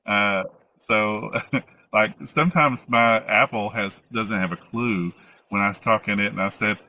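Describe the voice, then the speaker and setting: A man with an Appalachian accent talks as a casual interview guest. His voice is a little low but bright and forward. He rambles along, feeling his way hesitantly through each answer. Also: measured pace. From United States. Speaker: interview guest, former flight attendant. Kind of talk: casual conversational storytelling.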